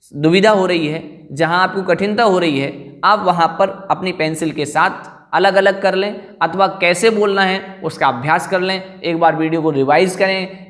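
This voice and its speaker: A man teaching an online class on a Jain hymn. He chants the Sanskrit verses slowly and repeats the hard words so listeners can practise them. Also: fairly high pitch, fairly bright tone. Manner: slow, careful chanting of Sanskrit verses, then plain explaining. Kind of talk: online scripture lesson, recitation and explanation.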